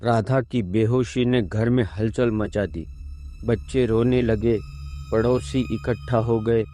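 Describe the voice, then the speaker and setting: A man narrating a scripted horror story in a measured, ominous way. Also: medium pitch, steady tone, mellow. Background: faint music.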